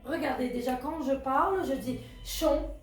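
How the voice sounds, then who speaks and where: Slow, high-voiced woman teacher, echoey. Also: expressive, darkish tone. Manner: patient, repeats and asks questions. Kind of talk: phonics lesson for children. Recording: very echoey room with faint music.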